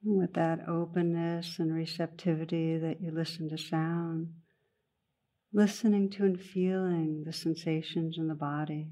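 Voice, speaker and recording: In a low voice with flat delivery, a woman leads a guided meditation as its teacher. Her speech is gentle and unhurried, broken by long pauses between phrases.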